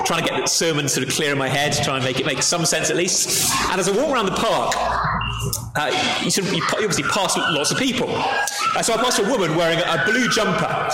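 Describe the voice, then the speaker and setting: A male pastor from preaching a conversational sermon, often pausing with "uh" and restarting his sentences. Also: a little high. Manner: conversational, frequent filler "uh" and restarts. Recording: echoey hall with background noise.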